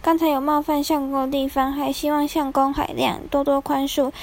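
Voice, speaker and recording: A woman voicing a gentle, devoted female snake spirit who lives as a loving wife in a storybook tale, speaking softly and coaxingly. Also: sits high, level tone, fairly quick.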